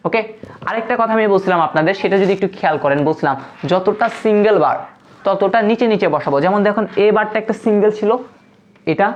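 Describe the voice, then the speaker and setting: A woman's voice: medium pitch, a little mellow. A woman teaching a live online class, patiently asking questions and answering them herself. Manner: patient, asks and answers her own questions. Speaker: online tutor. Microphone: phone. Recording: dull lo-fi stream audio.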